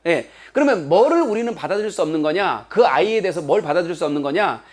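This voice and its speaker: A middle-aged man teaching an exam-prep English lecture in a classroom. He talks in an animated way and acts out the lines he quotes. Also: on the high side, fast.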